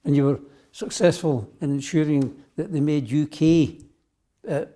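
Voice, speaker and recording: Mellow-voiced male interviewer. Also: on the high side, a little slow. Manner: brief, prompting questions. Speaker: host, interviewer. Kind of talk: interview questions.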